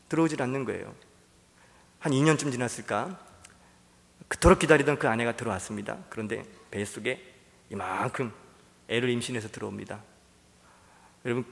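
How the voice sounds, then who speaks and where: Brief: male pastor, midweek sermon, storytelling with rhetorical questions, mid pitch, in a reverberant sanctuary. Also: gravelly. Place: church sanctuary. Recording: long church-hall reverb.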